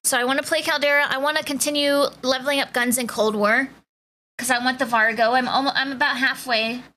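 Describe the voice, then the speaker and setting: A woman's voice: high voice, fairly even intonation, brisk, pushed and bright. A woman streaming live, chatting casually and bubbly with her viewers, greeting each one.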